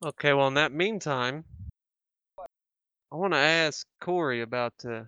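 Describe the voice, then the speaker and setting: A man's voice: a little high, a little slow, sharp tone, smooth, no echo, dull audio. A man hosting a podcast in casual chat, laughing and teasing his co-hosts. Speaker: podcast host.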